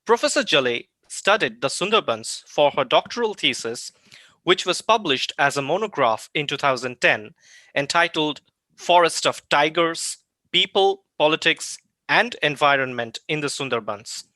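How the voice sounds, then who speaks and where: Host: man, crisp bright tone, formal and polite, dry close sound. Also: fairly high pitch, lively intonation, moderate pace, no echo. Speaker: podcast host and interviewer. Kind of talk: scripted introduction and interview questions.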